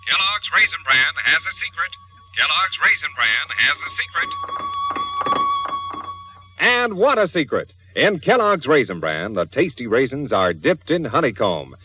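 A man's voice: on the high side, very animated, unhurried, heavy background noise. A man reading an upbeat commercial with an emphatic, sing-song salesman delivery, heard as an old broadcast transcription disc. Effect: old broadcast transcription disc sound. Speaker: commercial announcer. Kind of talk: upbeat 1950s radio commercial read. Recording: dull lo-fi old radio recording.

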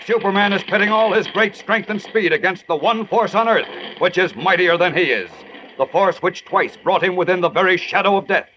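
A man with a high, sharp voice narrates briskly as a 1940s radio announcer, delivering a scripted read that is urgent, theatrical and emphatic. The vintage radio recording is noisy and dull.

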